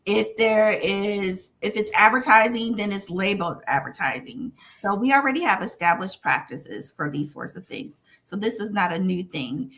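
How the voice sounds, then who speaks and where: A woman's voice: mid-range voice, expressive, moderate pace, a bit bright. A woman who teaches journalism, speaking as a panel guest in an articulate, lecturing way that builds points in lists. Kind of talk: panel discussion.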